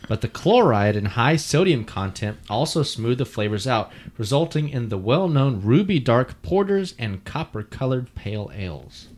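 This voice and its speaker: A man's voice: mid-range voice, slight background noise. A man in casual chat as co-host of a beer tasting show, reading brewing details with playful asides.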